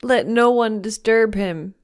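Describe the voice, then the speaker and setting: A devoted young fisherman boy speaks in a high, smooth, boyish voice, as a deep-voiced male reader puts him on. His words come soft and unhurried, tender toward the old man. The tone is clear and rounded, like a storybook voice. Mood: hushed. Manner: soft, slowed, raised boyish voice. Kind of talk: audiobook character voice.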